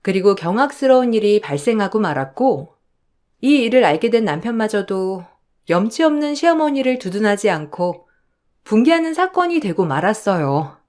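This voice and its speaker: A woman's voice: medium pitch, big pitch swings, normal speed, darkish tone. A woman in her thirties narrating a dramatic first-person story in a radio-drama style.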